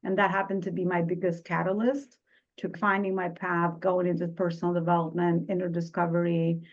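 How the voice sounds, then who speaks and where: A middle-aged woman from Albania, a podcast guest telling her life story in an earnest, slightly halting way. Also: on the low side, flat delivery. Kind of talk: reflective personal storytelling. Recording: dull lo-fi sound.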